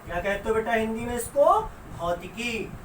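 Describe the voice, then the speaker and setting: A woman's voice: a little high, lively intonation, moderate pace, far from the mic. A woman teaching a school science class. She asks her students questions, answers them herself and stretches out key words. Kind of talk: classroom lesson. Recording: roomy sound with faint noise, away from the mic.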